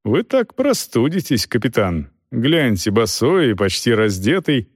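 A man voicing a calm, stern knight commander who talks plainly and dryly. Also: mid-range voice, a little slow, slightly rough, no room sound, studio quality. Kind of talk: audiobook character voice.

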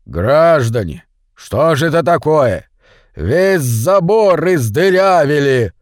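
A man voicing a gruff old yard caretaker who speaks slowly in a stern booming bass. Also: sing-song, dry recording, clean studio sound.

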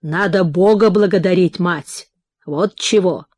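A woman reading the part of a jolly, gluttonous old village priest in an audiobook, hearty and slow. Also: on the low side, a little mellow, no room sound, studio quality. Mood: jovial. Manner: boisterous, hearty, fond of food.

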